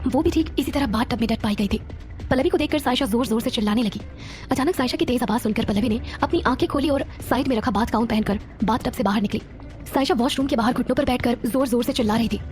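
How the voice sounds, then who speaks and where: A woman narrating a romantic audio series in a steady storytelling manner. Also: fairly high pitch, fast talker, soft background music.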